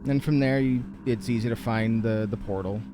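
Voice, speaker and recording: A man's voice: mid-range voice, moderate pace, background noise. A man casually bantering and narrating as game master of a tabletop roleplaying game.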